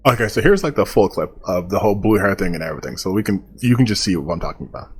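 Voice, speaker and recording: A man's voice: on the low side, expressive, rapid-fire, husky, soft background music. A male online commentator talking casually and bluntly, dismissive and opinionated, with some casual swearing.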